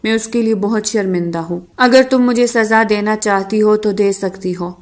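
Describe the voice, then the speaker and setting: A woman's voice: mid-range voice, fairly even intonation, close to an everyday voice. A woman reading the lines of a remorseful young husband who pleads with his wife for forgiveness, in an audiobook novel reading. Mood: pleading. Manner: pleading, earnest.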